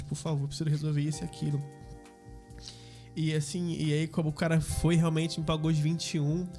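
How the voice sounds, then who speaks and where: A man with a Brazilian Portuguese accent, a podcast guest telling a personal faith story in a relaxed, slangy, casual way. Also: fairly high pitch. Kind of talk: casual testimony chat.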